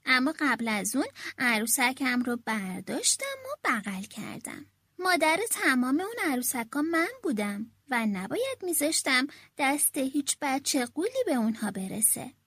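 A woman reads a children's storybook aloud in a very high, bright voice with a breathy edge. Her telling is animated and lively, in the first person. The sound is close and dry.

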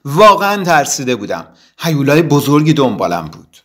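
A man's voice: fairly high pitch, big pitch swings, a bit bright. A man voicing a frightened little boy asparagus in a storybook. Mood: relieved. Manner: frightened, whispering under breath.

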